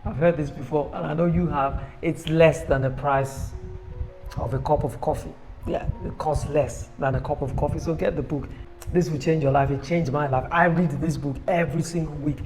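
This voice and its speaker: A man giving an upbeat, persuasive sales pitch for his own book, recorded on a phone camera. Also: a little mellow. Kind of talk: motivational self-promotion video.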